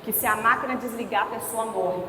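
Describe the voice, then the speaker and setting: High-voiced woman preaching in an echoey church. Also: a little fast, background noise. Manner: storytelling, conversational asides to the congregation. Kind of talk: sermon. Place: church hall.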